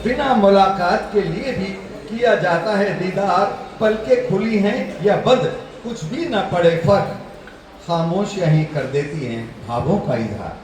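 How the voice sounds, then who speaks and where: High-voiced man reciting poetry in a hall. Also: lively intonation, measured pace, a little mellow. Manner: declaims couplets, repeating each line with rising emphasis. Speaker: poet at a poetry gathering. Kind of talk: reciting poetry to a live audience. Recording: very echoey hall, distant mic, faint noise.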